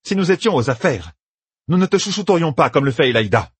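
A man's voice: fairly high pitch, expressive, brisk, breathy edge, dry recording, pitched above the performer's own voice. A man voicing a small, imperious woman who speaks in a cold, scolding way. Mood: angry. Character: small, imperious older woman sister, quick to anger.

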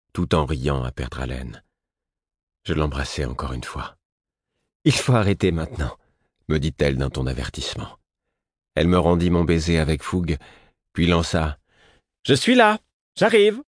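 A man reading a novel aloud in a soft, slow, intimate way. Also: extremely low pitch, no echo, clean studio sound. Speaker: audiobook narrator. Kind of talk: scripted narration.

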